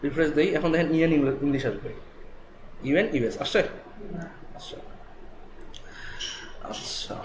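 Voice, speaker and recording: A man with a Bangladeshi Bengali accent teaching a live web development class, explaining quickly and often checking that students follow. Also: a little high, animated, noisy background. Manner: rapid, explanatory, asks students checking questions. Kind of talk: live classroom coding lesson. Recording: echoey room with faint ambience.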